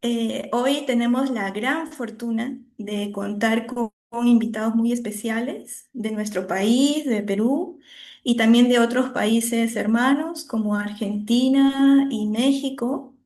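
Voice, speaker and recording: A woman from Peru moderates an online talk over a video call. Her voice is a touch high, and she speaks in a friendly, welcoming way, with ehs and ums between phrases. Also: slow, darkish tone.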